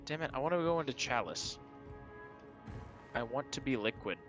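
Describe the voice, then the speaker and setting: A man chatting excitedly and casually while playing a co-op game. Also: medium pitch, moderate pace, music in the background. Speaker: streamer playing co-op. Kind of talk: casual gaming chat.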